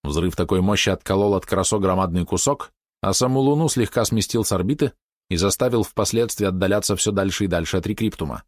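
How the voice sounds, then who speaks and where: A male narrator reading a science-fiction story aloud at a steady pace. His voice is low. The recording is dry and close. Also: a little fast, no echo. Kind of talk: audiobook narration.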